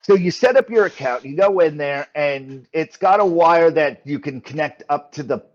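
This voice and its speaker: A man's voice: fairly high pitch, normal speed, highs cut off. A man running a tabletop game as game master, narrating off the cuff and often repeating words as he explains.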